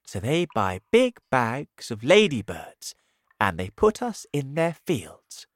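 A man voicing a kind, gentle giant female ladybird in a storybook reading, speaking softly and high. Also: wildly swooping pitch, takes it slowly, dry recording, studio quality.

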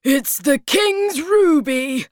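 A weary, ancient male hobgoblin from a storybook, voiced by a woman reading aloud. He speaks slowly and solemnly, with a heavy sadness. The sound is dry and close, with no room around it. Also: sits high, expressive, no room sound, pitched above the performer's own voice, heavily acted. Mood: excited.

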